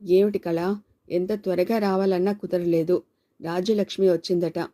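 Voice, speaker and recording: A stern, blunt middle-aged man from a storybook, firm and scolding, read in a woman's own low, mellow voice. He speaks plainly and means every word. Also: level tone, moderate pace, natural voice.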